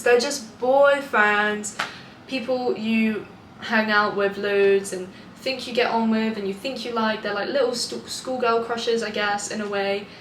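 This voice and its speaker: A young British woman reading out confessions and reacting in a chatty, candid way, gleeful and amused at the gossip. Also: fairly high pitch. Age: young adult. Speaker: online video host. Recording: echoey room, clear background noise.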